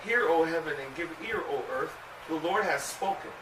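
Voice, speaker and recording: A man leading a bible study, reading scripture aloud and commenting in a loud, animated, profane way. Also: fairly high pitch, moderate pace. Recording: roomy room, distant mic, background noise.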